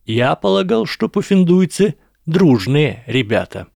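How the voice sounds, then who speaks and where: A man's voice: fairly high pitch, very animated, measured pace, creaky, a little mellow, no echo, studio quality, pitched above the performer's own voice, full character voice. A man voicing a haughty aristocratic schoolboy wizard with a sneering, drawling manner in a read-aloud story.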